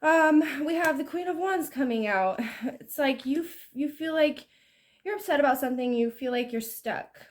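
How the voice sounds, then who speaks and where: A woman's voice: high-pitched, normal speed. A woman giving a casual, rambling tarot reading in a chatty, self-deprecating way. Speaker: tarot reader.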